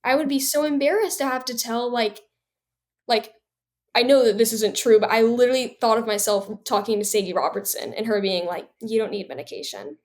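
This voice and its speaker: Bubbly young woman, slightly high voice. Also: brisk. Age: young adult. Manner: bright and bubbly, chatty with many fillers. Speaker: guest. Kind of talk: casual interview storytelling.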